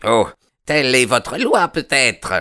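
A man's voice: mid-range voice, sing-song, slow pace, bright, forceful tone, pitched above the performer's own voice, exaggerated voice. A man voicing a surly, jealous male gang member in an audiobook, speaking defiantly and with hostility. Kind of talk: audiobook character reading.

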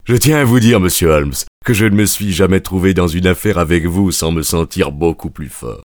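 A man voicing an excitable male police detective in an audiobook, in an emphatic, eager manner. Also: sits low, normal speed, dry recording, clean studio sound, lightly acted. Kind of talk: audiobook character reading.

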